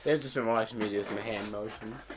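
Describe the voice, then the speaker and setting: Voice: medium pitch, steady tone, fairly quick, very noisy. A friend watching a game being played, bantering with crude teasing jokes. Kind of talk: casual banter.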